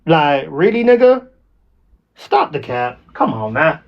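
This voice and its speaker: A man's voice: fairly high pitch, sing-song, takes it slowly. A man with a London roadman accent and slang, ranting on a livestream in a taunting, confrontational, repetitive way. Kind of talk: ranting livestream trash talk. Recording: dull lo-fi audio.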